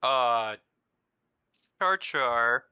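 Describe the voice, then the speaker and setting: Sharp, bright-voiced male player. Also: medium pitch, expressive, very slow, clean tone, no echo. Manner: questioning, checking details before acting. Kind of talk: casual tabletop play.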